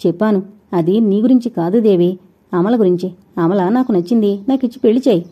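A woman's voice: mid-range voice, brisk, slightly rough, close to an everyday voice. A woman voicing a brash, scornful young man who talks in a taunting, insistent way. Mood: coaxing. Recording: dull lo-fi recording.

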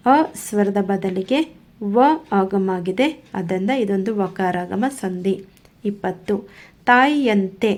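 A woman's voice: mid-range voice, darkish tone. A woman teaching a grammar lesson, going through examples one by one in a methodical, repetitive way. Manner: slow, methodical, repetitive explaining.

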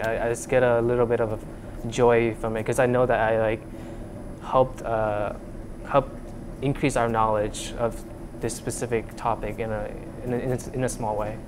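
Background noise fills this lapel-mic recording of a young undergraduate researcher from Vietnam, chatting about his work in a university lab. He has a mid-range voice and keeps hesitating, restarting sentences and using fillers.

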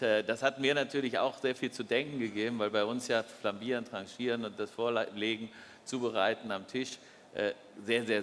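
A man moderating a panel discussion, recounting a conversation in a measured way and posing questions. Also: lowish voice, a bit bright, a little hiss or hum. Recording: long reverb hall with faint ambience.

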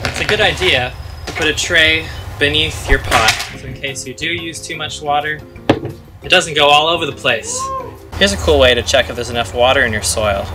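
A man's voice: fairly high pitch, normal speed, over music. A young man, a farm educator, walking through planting steps in a playful, upbeat teaching manner. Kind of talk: instructional demonstration.

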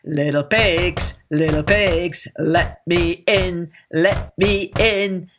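A woman voicing a greedy, menacing male wolf in a children's storybook, drawing the words out slowly. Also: on the low side, steady tone, noisy background. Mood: menacing coaxing. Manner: slow, drawn-out, menacing delivery.

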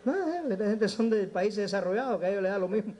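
A man's voice: high-pitched, lively intonation, fast talker, darkish tone, a little hiss or hum. A man with a Cuban accent doing live stand-up in a nightclub, brashly teasing the audience and slipping into broken English. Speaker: stand-up comedian working the crowd.

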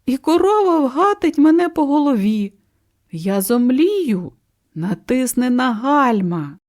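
A woman's voice: mid-range voice, very animated, slow pace, darkish tone. A woman voicing a grumpy, stubborn male crow who scolds and exclaims indignantly. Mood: alarmed.

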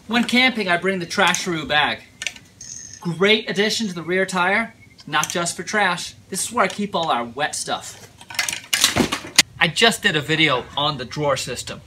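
This high-voiced man in his thirties speaks at a moderate pace against a noisy backdrop. He casually shows off his camping gear in a driveway and at a campsite, adding dry, joking remarks.

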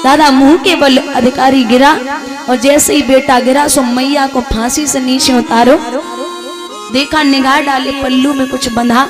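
A woman's voice: high voice, fairly even intonation, measured pace. A woman religious storyteller giving an emotional, preaching devotional sermon with music playing behind.

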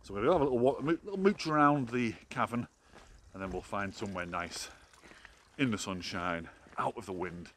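Here the middle-aged vlogger sounds animated and a little fast, his voice on the low side with a bit of brightness. As a hiking guide, he chats informally through a walking vlog on trails and in a cave. Outdoor ambience and noise come through on the recording.

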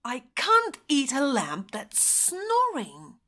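A woman voicing a hungry, gruff old male wolf with a soft heart, groaning and grumbling through his lines. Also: high-pitched, huge pitch swings, slow, full character voice. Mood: hushed. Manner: groaning, grumbling, sometimes howling.

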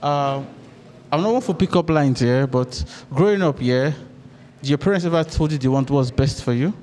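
A man with a somewhat high voice speaks as a dating contestant. He is earnest and soft-spoken and keeps asking questions. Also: normal speed. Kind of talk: casual chat.

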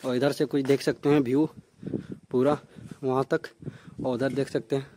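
A man's voice: medium pitch, flat delivery, normal speed, dark tone, a little hiss or hum. Chatty young man from India vlogging outdoors. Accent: Jharkhand Hindi. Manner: chatty, repeats "guys" often. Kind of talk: casual walking travel vlog. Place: outdoors at a small railway station.

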